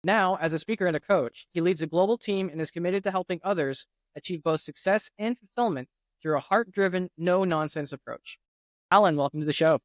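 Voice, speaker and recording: Hesitant podcast host, fairly high voice. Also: male voice, fairly quick, no echo, studio quality. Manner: hesitant, many fillers and restarts. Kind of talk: interview hosting.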